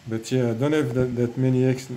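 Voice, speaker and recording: A man's voice: medium pitch, fairly even intonation, a little fast, dark tone, slight background noise, low-quality recording. A man with a French accent talking casually about his fish breeding, hesitant and full of fillers and restarts. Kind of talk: casual hobby vlog.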